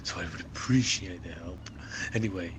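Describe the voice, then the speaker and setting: A man's voice: low-pitched, normal speed, noisy background, close to an everyday voice. A man playing a smug yacht captain who talks in sly innuendo. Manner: smug, suggestive.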